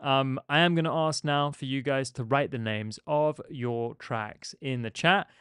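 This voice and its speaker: A man's voice: medium pitch, measured pace, a bit bright, smooth, dry recording, studio quality. A man hosting a music feedback live stream, chatting and joking with his viewers in a casual way. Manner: chatty and jokey, talking to viewers in chat.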